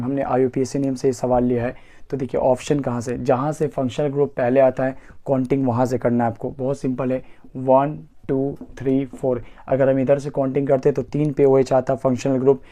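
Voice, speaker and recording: Guy teaching chemistry, kinda monotone, warm low-key tone, counts everything out loud. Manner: asks rhetorical questions and answers them himself; counts carbons aloud step by step. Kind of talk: exam-prep lesson explanation.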